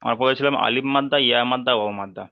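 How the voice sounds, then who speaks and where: Man with Bengali accent, patient teacher, smooth clear voice, dry muffled recording. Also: medium pitch, no room sound. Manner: patient, repeats each term and spells sounds out slowly. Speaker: Quran reading teacher. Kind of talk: slow step-by-step lesson.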